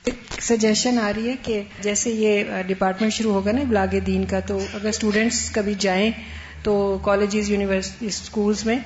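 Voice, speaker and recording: A woman's voice: mid-range voice, little pitch movement, slight background noise. Distant woman making a suggestion. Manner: measured, agreeing. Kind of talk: class discussion. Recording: distant, roomy, dull classroom recording.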